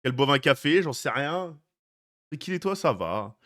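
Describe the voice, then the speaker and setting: A young streamer with a fairly high, sing-song voice that's a bit bright speaks at a normal speed. In his live chat he addresses viewers by name, teases them, and keeps things chatty with joking asides.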